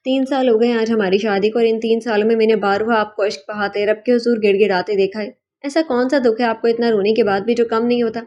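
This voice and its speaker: A devoted young wife in an audiobook drama, as a woman reads her, gentle and heartfelt. Her voice sits fairly high. The recording is dull and lo-fi. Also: fairly even intonation, close to an everyday voice.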